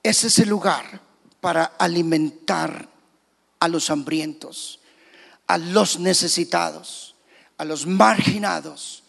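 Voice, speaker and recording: A man's voice: a little high, takes it slowly, creaky, a bit bright, breathy edge. A man, a pastor, preaching a sermon in a church with emphatic, dramatic delivery. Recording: reverberant church hall.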